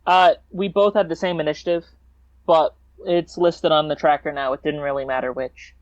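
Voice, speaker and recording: A man's voice: fairly high pitch, steady tone, moderate pace, no echo. A man chatting casually as a player in a tabletop game. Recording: dry, slightly dull mic.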